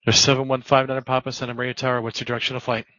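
Fast-talking male air traffic controller. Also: mid-range voice, level tone, pushed and bright, no echo. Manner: clipped, businesslike. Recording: slightly muffled radio audio.

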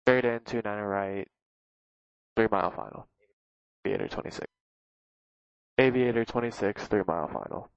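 A man's voice: lowish voice, moderate pace, vocal fry, pauses often, clear, resonant tone, no room sound. A man speaking as a pilot over the aircraft radio, giving terse, clipped readbacks in radio phraseology. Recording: dull lo-fi radio transmission.

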